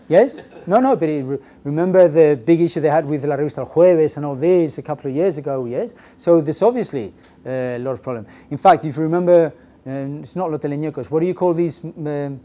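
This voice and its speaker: A middle-aged man giving a business English class lecture, lively and constantly checking in with the audience. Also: a little high. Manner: lively, asks the audience "okay? yes?" often. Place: classroom with projector screen. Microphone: lapel mic.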